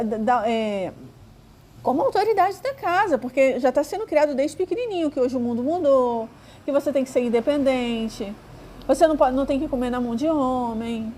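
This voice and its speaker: Brazilian lady preaching like she's chatting, high pitched, lots of "né" and "tá" type fillers. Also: warm tone, slight background noise. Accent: Brazilian Portuguese. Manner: conversational, hesitant with fillers, acts out quoted voices. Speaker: Bible teacher. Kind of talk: informal sermon.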